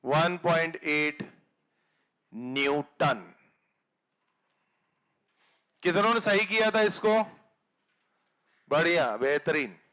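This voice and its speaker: A man teaching physics to exam students in Hindi, with a north Indian accent, giving a blunt motivational talk that moves between soft asides and loud urging. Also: fairly high pitch, expressive, extremely slow, long pauses. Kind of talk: motivational classroom lecture.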